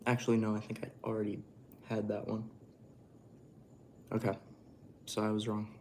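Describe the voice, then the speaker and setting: A man's voice: fairly low pitch, completely flat delivery, moderate pace, a little mellow. A man chatting casually on a cooking livestream, rambling along and swearing offhandedly. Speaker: livestream host. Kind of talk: casual livestream chat while cooking and eating. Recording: clearly noisy room ambience.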